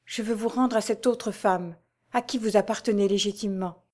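A woman's voice: mid-range voice, steady tone, normal speed, natural voice. Woman voicing a sorrowful young woman. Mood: mournful. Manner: soft, mournful. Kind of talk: audiobook character voice.

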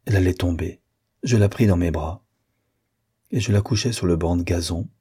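A man reading a classic novel aloud as an audiobook, in a measured and expressive way. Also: deep voice, husky. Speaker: audiobook reader. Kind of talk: scripted narration of a classic novel.

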